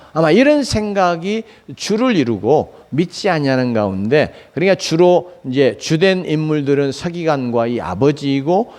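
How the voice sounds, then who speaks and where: In a church sanctuary, a man delivers a Sunday sermon as pastor, his voice fairly high with a darkish tone. He keeps asking rhetorical questions, then answering them, with frequent fillers along the way.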